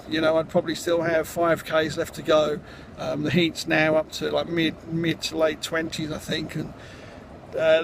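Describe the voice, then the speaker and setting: A man talking casually in a vlog, recounting things in a halting, rambling, matter-of-fact way. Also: fairly high pitch. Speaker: vlogger, amateur runner. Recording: outdoor noise, traffic.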